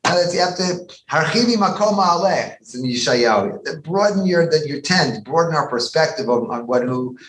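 Emphatic rabbi in an echoey room. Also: male voice, a little high, lively intonation, moderate pace, few pauses, fairly bright tone. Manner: emphatic, with frequent restarts and repeated words. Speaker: rabbi, guest. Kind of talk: conversational explanation on a podcast. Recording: echoey room with faint background noise.

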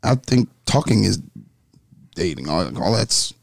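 A man's voice: on the low side, expressive, unhurried, vocal fry, no echo, studio quality. A man explaining his view and chiming in during a casual group discussion.

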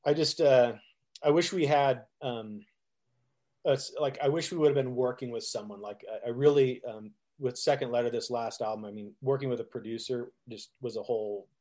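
A man's voice: mid-range voice, moderate pace, a little mellow. Laughing, rambling middle-aged male musician. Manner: rambling, laughs often, restarts, acts out quotes. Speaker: musician guest. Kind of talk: casual storytelling interview.

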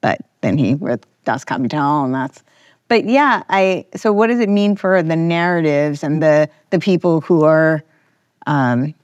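A woman's voice: low voice, lively intonation, a little slow, a little mellow, no room sound, dull audio. A woman hosting a casual conversational podcast interview, thinking aloud in a tentative way. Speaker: podcast host.

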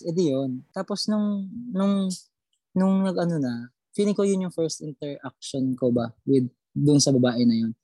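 Young adult storyteller, casual ghost tale, soft husky timbre, halting delivery, dry room. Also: medium pitch, no echo. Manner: halting, repeats words while recalling details.

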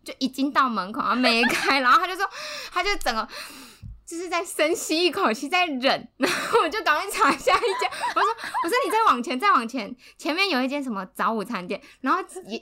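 Young woman, podcast co-host, casual storytelling, bright tone, a bit high, laughs a lot. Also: fairly quick. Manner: animated, laughs often, acts out quotes.

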